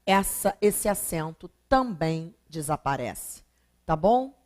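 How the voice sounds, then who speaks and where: A woman's voice: low-pitched, expressive, a little mellow. A Brazilian woman teaching a recorded grammar lesson, asking rhetorical questions and drawing out words for emphasis. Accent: Brazilian Portuguese. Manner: emphatic, drawn-out syllables when stressing examples; rhetorical questions answered herself.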